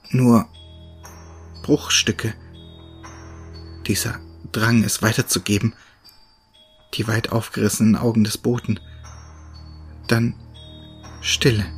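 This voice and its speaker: A man reads a first-person horror story in a measured, ominous voice pitched slightly low. Faint music plays beneath his steady narration.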